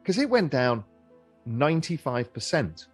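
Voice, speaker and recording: Animated middle-aged man telling a story. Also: medium pitch, a little slow, faint music behind. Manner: animated storyteller, frequent repeats and restarts. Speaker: interview guest. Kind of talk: conversational interview answer.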